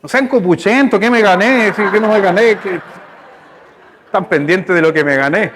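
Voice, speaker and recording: A male pastor with a Chilean accent, preaching a sermon in a lively, storytelling way, speaking to the congregation. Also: sits high. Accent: Chilean Spanish. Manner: storytelling, animated, conversational with congregation. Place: church hall. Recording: long hall reverb in church.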